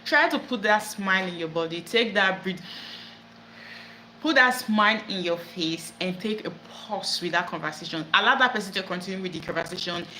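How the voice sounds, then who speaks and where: A woman's voice: medium pitch, normal speed, pushed and bright, a little hiss or hum. A woman giving casual, earnest self-help advice to camera, repeating herself and searching for words. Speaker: wellness vlogger. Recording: echoey room with faint background ambience.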